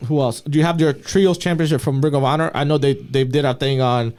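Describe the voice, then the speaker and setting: A man co-hosting a podcast in casual chat, opinionated and quick in the back-and-forth. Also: a little high, fairly even intonation, darkish tone. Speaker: podcast co-host.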